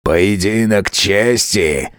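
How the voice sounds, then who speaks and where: A hoarse, gruff masked fighter growls slow, menacing demands, as a man puts him on. The voice sits low and close, with a dry, unreverberant sound. This is a figure in a read-aloud audiobook. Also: a bit bright, no room sound.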